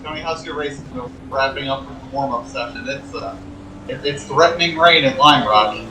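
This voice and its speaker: A man talking casually with fellow sim racers, easygoing and a little halting. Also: medium pitch, sharp tone. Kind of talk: casual chat. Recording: distant echoey mic with noise.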